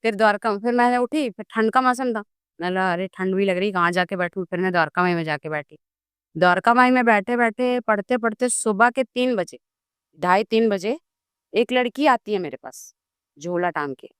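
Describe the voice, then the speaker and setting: A woman telling a personal story to an interviewer, acting out each side of the conversation as she goes. Her voice is smooth and clear at a middle pitch. The recording is dry and close, with no room sound. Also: moderate pace, no room sound. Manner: animated storytelling, acts out dialogue. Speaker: guest devotee.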